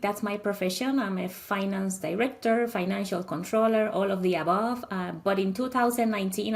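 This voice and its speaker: A woman with a Puerto Rican accent, a native Spanish speaker, answering as an interview guest in a direct, emphatic way. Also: mid-range voice. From Puerto Rico. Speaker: guest, accountant and money coach.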